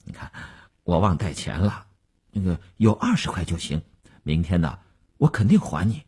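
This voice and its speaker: A man's voice: sits low, big pitch swings, normal speed, a little mellow, breathy edge, full character voice. A man voicing a cheeky, spoiled young male saxophonist who asks for favors with easy unabashed charm in a storybook reading. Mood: wheedling. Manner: casual, pleading, unabashed.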